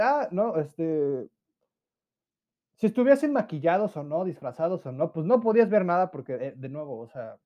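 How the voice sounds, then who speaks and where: A man's voice: medium pitch, muffled recording. A nineteen-year-old man with a Mexican accent, hosting a casual solo podcast, chatty and slangy, laughing often and acting out friends' voices. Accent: Mexican Spanish. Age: late teens. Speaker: podcast host.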